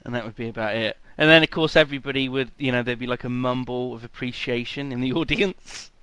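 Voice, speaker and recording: A man's voice: mid-range voice, steady tone, fast talker, bright, forceful tone, clear, resonant tone, no echo. A man co-hosting a podcast, playful and laughing as he directs a comic role-play. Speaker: podcast co-host. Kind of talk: casual comedic chat.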